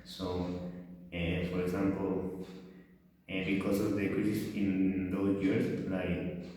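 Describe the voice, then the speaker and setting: Young Spanish-speaking man, low and flat, presenting haltingly with many fillers and restarts, heard from far off in a roomy space. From Venezuela. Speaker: language student presenting. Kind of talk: class presentation. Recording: distant, echoey room.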